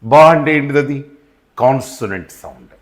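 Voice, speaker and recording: A man's voice: medium pitch, expressive, normal speed. A man with a Telugu accent teaching English, repeating points and asking and answering his own questions. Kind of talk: spoken English lesson.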